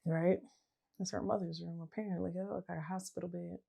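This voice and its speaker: A woman's voice: lowish voice, steady tone, vocal fry, warm tone, a little hiss or hum. A woman co-hosting a show reaction, casual, blunt and questioning. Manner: blunt, questioning, quick to laugh at the scene.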